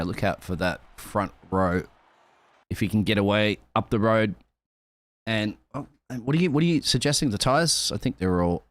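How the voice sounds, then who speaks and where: A man doing live sim racing commentary, getting excited and shouting over fast laps. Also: fairly low pitch.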